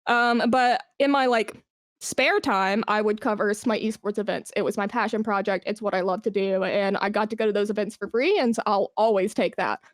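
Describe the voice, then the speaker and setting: An esports brand manager, appearing as a guest on a podcast, tells stories candidly and casually in a relaxed interview, dropping plenty of "like"s. Her voice sits at a medium pitch with fairly even intonation, and she talks fairly quickly. The recording is clean studio sound with no room sound.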